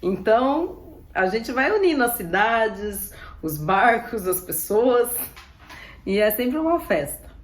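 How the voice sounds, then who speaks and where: In a fairly high, sing-song voice at a slow pace, this sailing vlogger from Ilhabela, Brazil, chats to camera about sailing. Her voice is fading and she coughs, yet she stays upbeat and chatty, laughing often and making asides.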